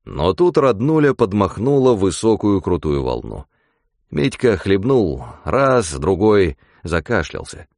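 Low-voiced man telling a wry story. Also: a little slow, creaky, dry recording, studio quality. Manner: wry, animated. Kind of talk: expressive story reading.

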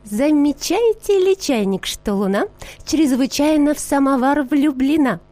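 An old, cracked teapot, as a woman reads him in a storybook tale. He hisses his sly, needling taunts in a mellow voice, close and dry. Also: high-pitched, animated, unhurried, dry recording, faint music behind, voice pushed up. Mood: teasing. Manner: hissing, needling.

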